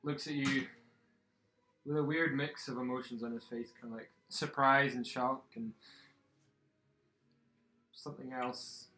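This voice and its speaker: A man's voice: medium pitch, steady tone, measured pace, long pauses, pushed and bright, reverberant. Hesitant man narrating a tabletop game. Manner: hesitant, many fillers. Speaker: game master.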